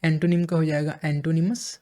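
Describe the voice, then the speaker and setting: A fairly high-pitched man with a warm, level tone and an Indian accent teaches English words classroom-style, explaining slowly, repeating phrases and checking that listeners are with him.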